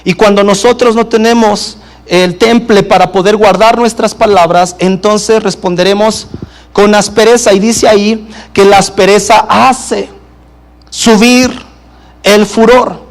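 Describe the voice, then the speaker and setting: A man's voice: high-pitched, steady tone, a little slow. A male pastor preaching a sermon, prompting the congregation to answer back. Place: church service in a home gathering.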